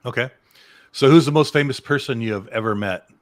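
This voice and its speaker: Guy host, mid-pitched voice, tosses out quick short questions to a guest. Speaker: interview host. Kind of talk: casual interview questions.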